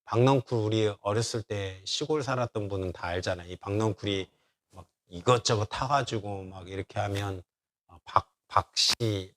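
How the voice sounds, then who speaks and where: Korean pastor telling a story in a sermon. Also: male voice, on the low side. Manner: storytelling, acting out quoted voices; conversational with fillers. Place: church.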